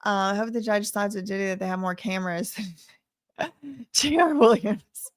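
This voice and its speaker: An American woman from Louisiana hosts a casual live stream, reading and answering viewer messages in a colloquial, sassy way. Her voice is medium in pitch and moves at a moderate pace. The studio recording is clean, with no echo.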